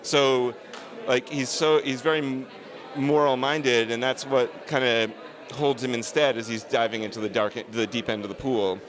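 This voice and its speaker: A man's voice: mid-range voice, steady tone, moderate pace. A man, a film director, answering interview questions on a red carpet in an earnest, emphatic, discursive way.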